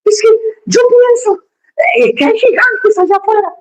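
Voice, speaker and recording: A preacher voicing a panicky, self-pitying frightened Israelite who whines in a high voice, in an echoey church hall. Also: moderate pace. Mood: wailing. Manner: whining, wailing in a high voice.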